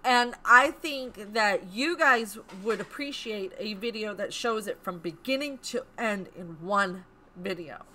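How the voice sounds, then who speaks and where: A woman co-hosting a homesteading live stream, chatting casually and excitedly, laughing often and repeating herself for emphasis. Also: mid-range voice, unhurried. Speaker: homesteading channel co-host.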